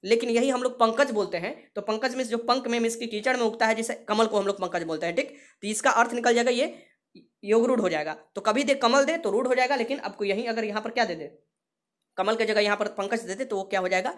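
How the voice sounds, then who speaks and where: A woman teacher delivers a rapid exam-prep grammar lesson. She repeats each term several times and keeps asking her students questions, mixing English words into her explanations at a quick clip. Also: on the high side. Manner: repeats key terms and asks the class questions.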